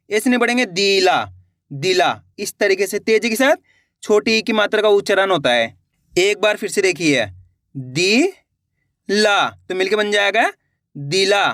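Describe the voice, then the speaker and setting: A man with a high voice teaches Hindi reading in an online lesson. He sounds out each syllable slowly and patiently, repeating words and quizzing the listener. The recording is dry and close, with no room sound. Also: fairly bright tone, no room sound. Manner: patient, repeats words and asks questions back.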